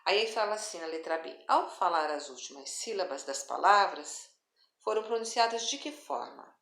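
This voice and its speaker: A woman's voice: on the low side, lively intonation, moderate pace, fairly bright tone. A woman teaching a school lesson, talking patiently and drawing out stressed syllables with "tá?" checks. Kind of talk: classroom lesson. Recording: echoey room.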